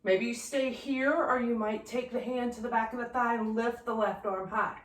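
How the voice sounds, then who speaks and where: A woman's voice: a little high, normal speed, reverberant. Winded woman cueing a yoga flow. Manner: calm, directive cues, sometimes winded while moving. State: slightly out of breath. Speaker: yoga instructor.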